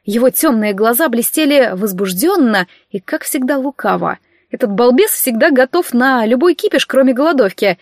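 A young woman reading a first-person story aloud with a lively, ironic touch. Her voice sits fairly high, and the recording is dry and close, with no room echo. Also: normal speed. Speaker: audiobook narrator. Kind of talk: first-person audiobook narration.

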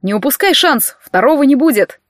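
A playful young man with a theatrical streak who loves to tease his old friend, as a woman reads him. He sounds sly and mock-offended, in a fairly high voice recorded dry and close. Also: lively intonation, a little fast, no echo.

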